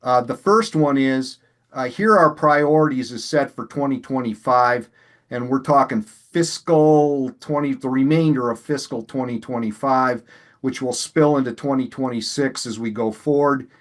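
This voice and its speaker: Folksy male committee chair, casual meeting presentation over a video call, mid-pitched voice. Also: normal speed. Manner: folksy, chatty, self-deprecating.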